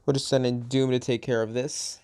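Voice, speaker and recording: A man's voice: medium pitch, flat delivery, fairly quick, a little mellow, smooth. Tired-sounding man narrating gameplay casually. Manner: rambling, chatty, self-correcting. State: a little tired. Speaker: gaming channel host.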